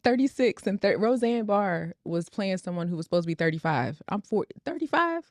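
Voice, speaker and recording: A woman of forty co-hosting a podcast, speaking in a relaxed, reflective way. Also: mid-range voice, a little fast, no echo, clean studio sound. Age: 40s. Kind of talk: casual chat.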